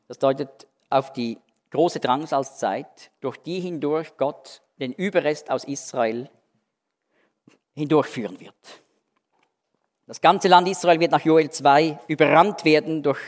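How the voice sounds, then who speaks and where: Emphatic preacher in a reverberant hall. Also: male voice, takes it slowly, long pauses. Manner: emphatic, swings between loud stresses and quiet low phrases. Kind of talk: expository Bible sermon.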